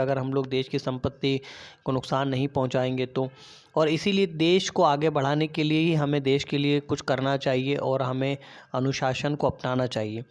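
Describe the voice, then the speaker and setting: Man, online class teacher, patient step-by-step explaining, slightly high voice. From India. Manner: explains step by step with fillers and restarts.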